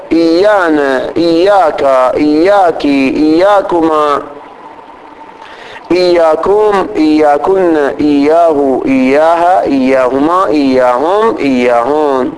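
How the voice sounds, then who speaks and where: A man teaching grammar to a class, reciting lists of pronouns slowly and often checking that students follow. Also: a little high, low-quality recording. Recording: faint background noise.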